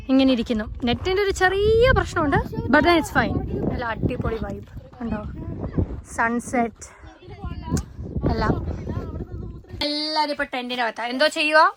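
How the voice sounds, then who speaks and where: A woman with a Malayali accent chatting casually for a camping vlog, mixing English words and phrases into Malayalam. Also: fairly high pitch. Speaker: vlogger. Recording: very noisy outdoor and vehicle noise.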